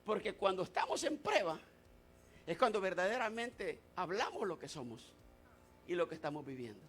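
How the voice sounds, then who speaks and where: A male pastor preaching a sermon, who moves from shouted declarations to quiet, confiding talk. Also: high voice, a little hiss or hum.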